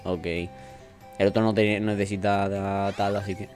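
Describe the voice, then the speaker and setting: With a lowish, slightly mellow voice, little pitch movement and a normal pace, a young man from Spain plays a video game as a let's play gamer. He chats casually, curses a lot and reads game text aloud in silly voices while faint game music plays.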